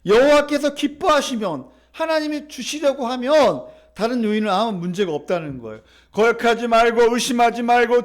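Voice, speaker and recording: High-voiced man preaching a sermon. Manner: preaching with emphatic repetition and leading the congregation in reading. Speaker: pastor. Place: church sanctuary.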